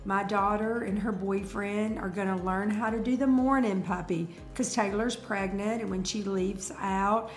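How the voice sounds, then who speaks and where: A woman's voice: mid-range voice, measured pace, few pauses, faint music behind. A middle-aged woman, co-hosting a casual live chat and telling stories with emphatic energy. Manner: animated storyteller, emphatic. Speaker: co-host of a breeder's live chat.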